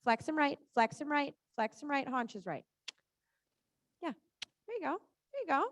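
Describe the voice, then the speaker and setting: Female riding coach, high voice, encouraging and informal, short repeated instructions, close dry sound. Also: big pitch swings, normal speed, no echo. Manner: informal, reassuring. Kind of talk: live coaching during a riding lesson.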